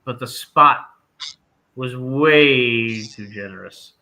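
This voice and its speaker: A man's voice: mid-range voice, slow, pushed and bright, low-quality recording. A man in his fifties from New Jersey, giving blunt, emphatic opinions in a casual sports chat. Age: 50s.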